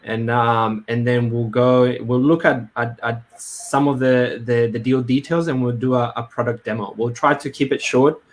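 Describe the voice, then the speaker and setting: A man's voice: medium pitch, steady tone, moderate pace, hardly any pauses. A man hosting a live webinar in a casual, hesitant way, with many fillers and restarts. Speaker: webinar host. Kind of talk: casual live-stream talk. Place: Brisbane.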